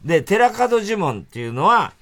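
A man's voice: sits high, big pitch swings, brisk. A man hosting a comedy radio show in a studio, reading listener letters and teasing bluntly. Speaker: radio host.

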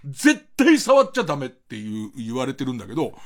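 A man's voice: mid-range voice, wildly swooping pitch, a little fast, a bit bright. A middle-aged man hosting a late-night radio show, rambling through a monologue and laughing between remarks, close on a studio mic.

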